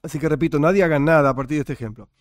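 A man's voice: a little high, very fast, no echo, clean studio sound. A man teaching a religion class, full of rhetorical questions and jokey asides. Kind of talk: classroom lecture.

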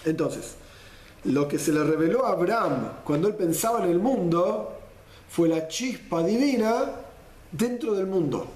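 A man teaching a Torah class speaks in a lively explanatory way, mixing Hebrew quotes with Spanish gloss. His voice is high-pitched and unhurried. The room is echoey, giving the recording a roomy echo.

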